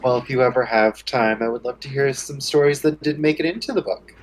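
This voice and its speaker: A man's voice: mid-range voice, a little fast. Man flirting in character. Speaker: player. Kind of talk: in-character tabletop role-play.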